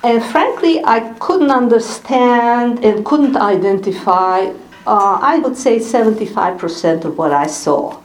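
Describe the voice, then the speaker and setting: A Hungarian-accented scholar in her sixties gives a public lecture to an evening audience, her fairly high voice animated yet thoughtful and unhurried. She makes many small pauses and fillers, often stopping briefly to find the next word, and the audio quality is poor.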